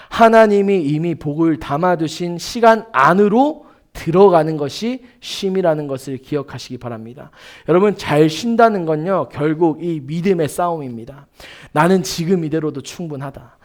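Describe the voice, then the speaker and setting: A man preaching a sermon to a young adult congregation. He speaks emphatically, fires rhetorical questions at his listeners and repeats his key points. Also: on the high side. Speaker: pastor. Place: church sanctuary.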